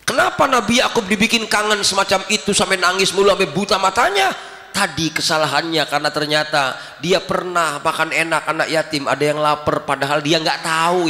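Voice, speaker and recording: A man preaching a storytelling sermon on the Quran in a mosque, speaking animatedly with sudden loud exclamations and questions to the congregation. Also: a little high, in a large hall. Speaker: preacher teaching Quran exegesis.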